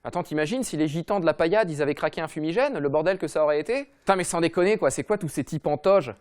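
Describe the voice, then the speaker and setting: A man tears through a comic rant at breakneck speed. His voice sits a little high, and his delivery is mocking and slangy. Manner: mocking, slangy, rapid-fire. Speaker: comedy football podcast host.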